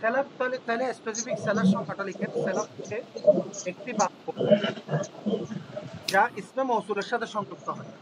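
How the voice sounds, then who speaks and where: A male teacher giving an online grammar class, patiently repeating definitions slowly for students to write down. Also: high voice, heavy background noise.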